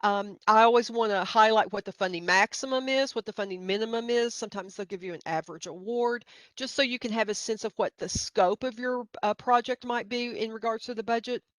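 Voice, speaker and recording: A woman's voice: fairly high pitch, fairly quick, a bit bright, no echo. A middle-aged woman with a Middle Tennessee accent gives an informal training presentation in a hesitant, folksy, self-deprecating way. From Middle Tennessee, United States. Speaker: university grant budget specialist, presenter.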